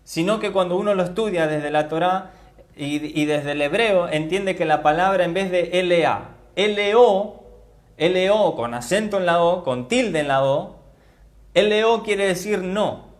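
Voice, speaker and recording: A man giving a teaching sermon as a Bible teacher, emphatic, repeating key words and spelling them out slowly. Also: high voice.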